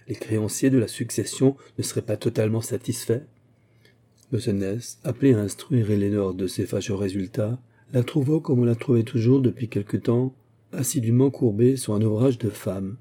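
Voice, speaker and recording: A man reads a classic novel aloud in measured, literary narration. His voice sits fairly low, with a dark, husky tone. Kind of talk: audiobook reading of a classic novel.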